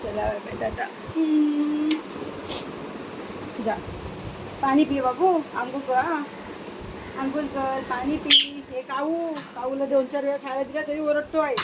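A woman's voice: high voice, fairly even intonation, slow pace, long pauses. A woman vlogging at home, coaxing her pets in repetitive baby talk. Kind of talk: casual home vlog. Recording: noisy background with passing vehicles.

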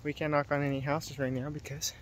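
A man's voice: a little high, quick pace, a crowd in the background. A young man filming himself on a phone for a missionary vlog, chatting casually and joking as he goes. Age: young adult. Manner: excitable, joking, self-mocking. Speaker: missionary vlogger. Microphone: phone held at arm's length.

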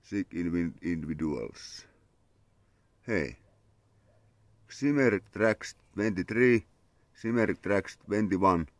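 Under a parasol in his outdoor yard, a young adult man from Finland talks casually on a live stream, thanking followers and muttering to himself in a Finnish accent. He speaks slowly in a low-pitched, animated voice. The recording is dry, taken on a phone camera at arm's length.

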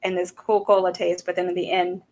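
A chatty Southern woman from South Carolina hosts a casual whiskey livestream in a small room at home, speaking briskly in a lowish, darkish voice with little pitch movement. She rambles and uses many fillers. Her boom-arm desk mic picks up a slight hiss or hum.

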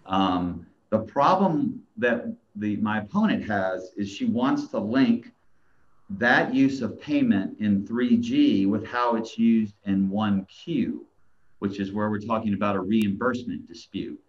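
A middle-aged man with a voice on the low side argues an appeal as an attorney over a video call webcam from a small, plain indoor room. He stammers through several restarts before settling into measured legal points in this courtroom oral argument, and the audio is dull and lo-fi.

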